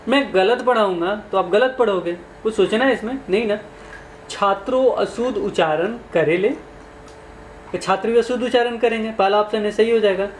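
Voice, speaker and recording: A man's voice: sits high, normal speed. A man, teaching exam questions in a conversational way and asking his listeners questions. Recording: echoey room, faint background noise.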